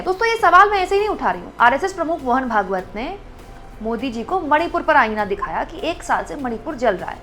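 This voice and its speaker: A woman's voice: sits high, a bit bright. A woman giving political commentary straight to her viewers, pressing one rhetorical question after another. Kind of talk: direct-to-camera political commentary.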